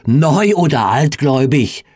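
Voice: mid-range voice, very animated, measured pace, no echo, studio quality, voice pushed up. A reader voicing a stout, proud, stubborn farmer man in a storybook reading, blustering and emphatic. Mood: scornful boast. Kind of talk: audiobook reading.

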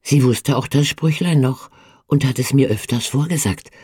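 A reader voicing a frail, gentle older village woman in a storybook reading, soft and earnest. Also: medium pitch, moderate pace, slightly rough, dry recording, clean studio sound, pitched above the performer's own voice. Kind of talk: audiobook reading.

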